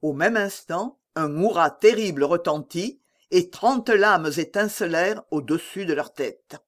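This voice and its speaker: Guy reading an audiobook, steady and dramatic, kinda high voice. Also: a little slow. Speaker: audiobook narrator. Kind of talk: scripted narration.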